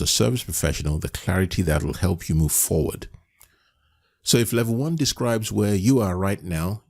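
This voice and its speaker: A man's voice: low voice, a little mellow, breathy edge. A man coaching business owners in a recorded course lesson, earnest and emphatic, repeating his points with frequent restarts.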